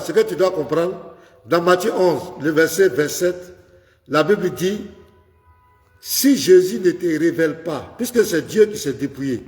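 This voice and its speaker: A pastor with a fairly high, gravelly voice argues insistently over a live call, repeating his phrases and reading scripture aloud. The sound is roomy, with a long reverb trailing each phrase. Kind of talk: heated live call-in debate. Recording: echoey room with long reverb.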